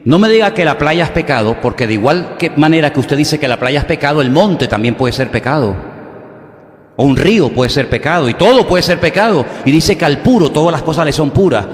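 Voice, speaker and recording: A male pastor preaches with a fairly high voice, telling jokey little dialogues to his congregation. His voice rings with a long echo, as it would in a big church hall. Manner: humorous, conversational preaching with acted-out dialogues. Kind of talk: sermon. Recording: echoey hall.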